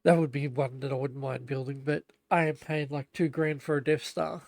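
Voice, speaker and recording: A man's voice: medium pitch, steady tone, normal speed, gravelly, darkish tone, no room sound. A young man chatting casually while building on a live stream, stumbling as he reads the manual aloud. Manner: chatty, self-deprecating, stumbles over reading. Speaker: livestreamer building a Lego set.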